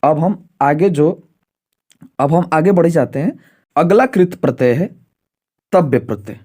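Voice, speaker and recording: A male Sanskrit teacher in an exam-prep lesson, who asks himself questions, checks in often, and slows down to spell out word forms. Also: a little high, expressive, mellow. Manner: repeats rhetorical questions and "ठीक है" to check understanding.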